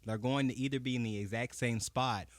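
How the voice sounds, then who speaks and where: A man's voice: mid-range voice, fairly even intonation, a little fast, no echo. A man, co-hosting a casual chat, who chimes in with short agreements and laughs a lot. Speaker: podcast co-host.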